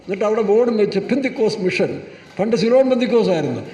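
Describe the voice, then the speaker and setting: A man's voice: high-pitched, animated, rapid-fire, warm tone. A male pastor preaching a sermon, scolding his listeners with pointed rhetorical questions. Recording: echoey hall, mic far off.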